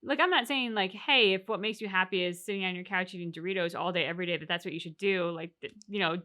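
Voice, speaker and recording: As a reaction co-host casually discussing a video game story, a woman reflects and explains her points at length with examples. Her voice is fairly low, fast, bright and forceful.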